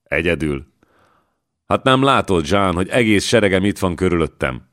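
A man voicing a defiant young peasant warrior maiden who shouts rousing battle cries. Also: low-pitched, lively intonation, dry recording, clean studio sound.

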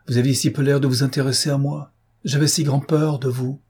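A man's voice: mid-range voice, little pitch movement, a little fast, darkish tone, breathy edge, pitched above the performer's own voice. Dosia, a man voicing a tender young woman. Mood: shy tender. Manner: confessing earnestly, then shy and tender. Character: impulsive young woman, tearful then happy. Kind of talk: audiobook character reading.

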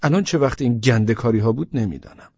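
A man's voice: medium pitch, gravelly, a little mellow, slightly rough, no echo, muffled recording. A man narrating a first-person audiobook in a wry, colloquial storytelling manner.

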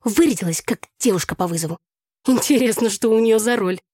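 A woman's voice: fairly high pitch, fairly quick, mellow, no room sound, clean studio sound, pitched above the performer's own voice, close to an everyday voice. Woman voicing a sarcastic young drama student. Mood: snarky. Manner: theatrical declaiming, sarcastic. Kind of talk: audiobook character voice.

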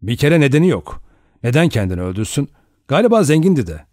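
A man voicing a cool, offhand younger man who talks quickly. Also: medium pitch, very animated, a little mellow, dry recording, clean studio sound, pitched above the performer's own voice, natural voice. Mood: musing.

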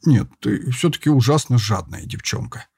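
A man voicing a short, plump, lazy man who grumbles and sulks, cheeky and whiny, in a husky voice. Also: mid-range voice, lively intonation, normal speed, a little mellow. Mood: sulky.

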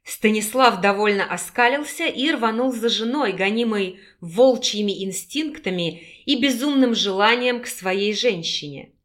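A woman narrating a romance audiobook in an even, steady storytelling manner. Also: medium pitch, unhurried, few pauses. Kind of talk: scripted narration.

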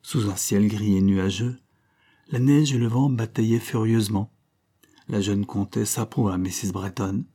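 A man reading a classic novel aloud in measured scripted narration. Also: lowish voice, steady tone, warm tone. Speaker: audiobook reader.

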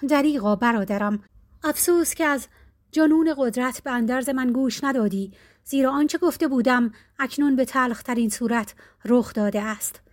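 A demon prince laments over his fallen brother in an old storybook, as a woman reads him. The voice stays high and even, full of formal sorrow. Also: no room sound, clean studio sound, close to an everyday voice. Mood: grieving. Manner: lamenting speech.

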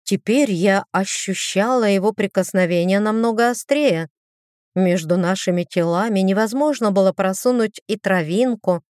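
A woman's voice: mid-range voice, moderate pace, a little mellow, no echo, studio quality. A woman narrating a first-person romantic fantasy audiobook, telling the story expressively with a light touch of irony.

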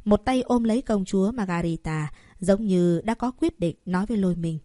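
Woman, audiobook narrator, steady reading, middle pitch, dry close mic. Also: brisk, dry recording. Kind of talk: audiobook narration of a web novel.

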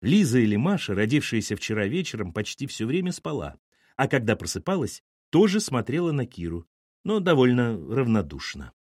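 A man narrating an audiobook in an expressive, scripted style. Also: mid-range voice, normal speed, breathy edge, no room sound, clean studio sound. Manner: animated, expressive.

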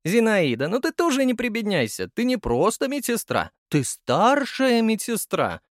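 A man's voice: high-pitched, huge pitch swings, normal speed, dry recording, clean studio sound, pitched above the performer's own voice. A man doing a teasing sarcastic woman. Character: curly-haired sarcastic woman, nurse's friend.

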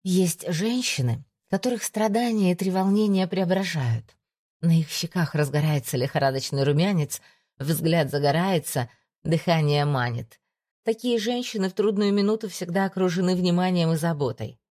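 A woman reading an audiobook as narrator in a measured, even manner. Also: lowish voice. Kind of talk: scripted narration.

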